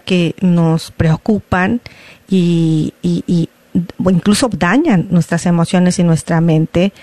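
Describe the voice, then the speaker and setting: A woman leading a prayer and then hosting a faith-based interview in a measured, devout way. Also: on the low side, warm tone, dry recording.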